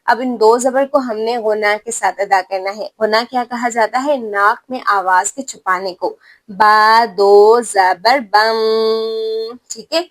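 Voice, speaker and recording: A woman with a Pakistani accent gives a step-by-step tajweed lesson. Her voice sits a little high, and she drags out each demonstrated sound slowly and repeats it. She keeps checking that the listener is following. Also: fairly bright tone. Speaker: Quran recitation teacher.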